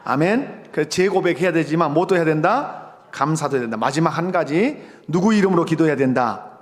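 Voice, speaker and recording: Lively Jeolla-accented pastor preaching. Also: male voice, fairly high pitch, a little fast. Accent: Jeolla Korean. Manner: rhetorical questions, prompting the congregation to answer. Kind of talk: sermon. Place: church sanctuary. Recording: long church hall reverb.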